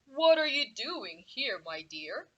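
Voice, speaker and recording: A woman's voice: high-pitched, sing-song, slow pace, highs cut off, heavily acted. A woman voicing a kindly male woodcutter in a storybook.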